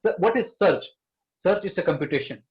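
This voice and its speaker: A man's voice: high voice, animated, brisk, lo-fi sound. A man speaking earnestly as a panelist, stressing key words again and again. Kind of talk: panel discussion.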